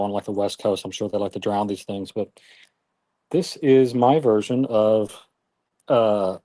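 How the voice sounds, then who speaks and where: A man hosts a casual live grilling stream and talks straight to his viewers. His voice is mellow and relaxed, and he pokes fun at himself as he goes. The sound is dry and close. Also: fairly low pitch, no room sound. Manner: self-deprecating, chatty, talks to viewers.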